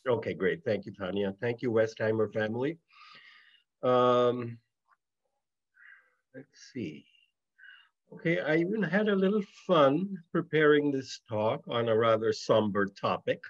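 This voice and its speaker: A man's voice: medium pitch, unhurried, pauses often. An older man talks through his slides on a video call, heard as a screen recording. He explains things plainly and slips in light humor. His voice sits in a middle range, and the call audio is muffled and lo-fi. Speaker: guest speaker. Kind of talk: online lecture with slides. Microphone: computer mic on a video call.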